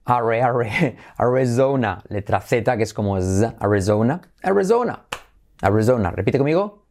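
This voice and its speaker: A man's voice: lowish voice, lively intonation, normal speed, a little mellow, slight background noise. A man with a Spain Spanish accent, teaching English pronunciation in an upbeat online lesson. He repeats words for drilling and drops in English phrases.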